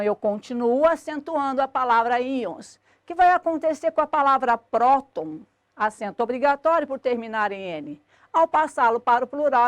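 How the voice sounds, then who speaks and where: Woman, grammar teacher, high voice, dry close sound, slow and didactic. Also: no room sound. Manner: slow, didactic, spells out syllables and endings. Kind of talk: recorded video lesson at a board.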